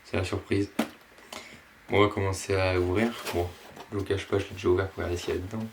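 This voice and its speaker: A man casually presenting and unboxing a box of fishing lures, pausing often with fillers. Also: low-pitched, level tone, very noisy. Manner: slow, hesitant, many fillers. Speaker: fishing vlogger.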